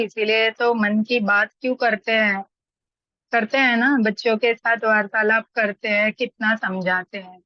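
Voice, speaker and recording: A woman's voice: a little high, dry recording. Chatty middle-aged woman, dull lo-fi sound. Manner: chatty, anecdotal, acts out quoted voices. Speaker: study group speaker. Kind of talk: casual spoken discussion.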